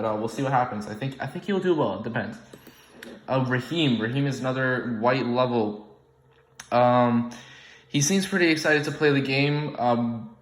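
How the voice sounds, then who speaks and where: A young man who was born in the UK, hosting an online game and rambling casually with many ums and restarts. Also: medium pitch. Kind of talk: casual unscripted commentary. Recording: echoey room, poor audio.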